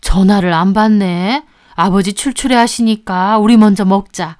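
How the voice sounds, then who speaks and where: A woman's voice: medium pitch, steady tone, normal speed, darkish tone, natural voice. A woman voicing a bossy, impatient older mother-in-law who scolds and questions her family. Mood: scolding.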